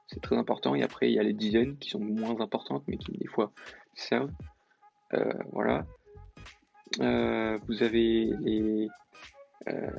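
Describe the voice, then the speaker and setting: A trading tutor explains a lesson in a casual, screen-recorded session, sounding hesitant, with many fillers and self-corrections. His voice is fairly low, creaky, husky, and darkish in tone, and the highs are cut off.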